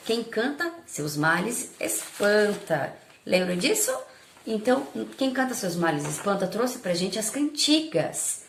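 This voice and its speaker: Brazilian woman teacher, gravelly, echoey. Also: mid-range voice, slight background noise. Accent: Brazilian Portuguese. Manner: patient, explaining step by step with frequent check-ins. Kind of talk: recorded review lesson for pupils.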